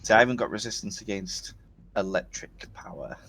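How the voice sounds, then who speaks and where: Low gravelly laid-back player. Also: male voice, fairly quick, fairly bright tone, slight background noise. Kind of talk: casual game chat.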